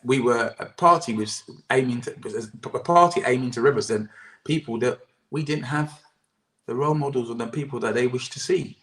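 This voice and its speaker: A man's voice: medium pitch, moderate pace, a bit bright, poor audio. A man, the chair of a political campaign group, answering interview questions earnestly over a video call, restarting his sentences and often trailing off with "et cetera".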